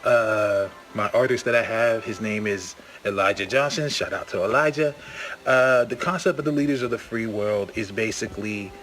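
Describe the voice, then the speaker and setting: A man, a comic book writer, casually pitching his book to camera in an easygoing, enthusiastic way, with plenty of fillers. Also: normal speed, fairly bright tone. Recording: music playing underneath.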